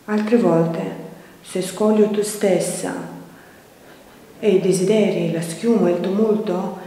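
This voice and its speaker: A grieving dead woman, as an actress recites her, speaking slowly in a low, dark tone. The stage monologue echoes through a large hall with long reverb. Soft music plays underneath. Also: steady tone. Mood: mournful. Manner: slow, solemn poetic recitation. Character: melancholy dead woman mourning lost peace.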